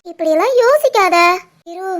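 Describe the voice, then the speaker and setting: A woman voicing a caring young wife who comforts her husband, in an animated family drama, with a Tirunelveli Tamil accent. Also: very high-pitched, moderate pace. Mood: tender. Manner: soothing, coaxing.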